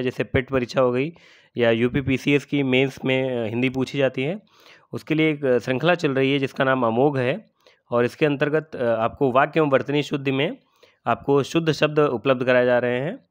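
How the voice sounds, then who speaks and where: A man's voice: medium pitch, clean tone. Man teaching Hindi spelling. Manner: explains patiently, repeats words and asks rhetorical questions. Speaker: exam prep teacher. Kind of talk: spelling lesson for exam aspirants.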